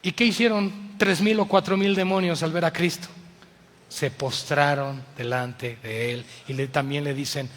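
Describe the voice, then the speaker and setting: A male pastor with a Mexican accent preaches an impassioned sermon, moving between loud appeals and hushed words. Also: on the high side, big-room sound.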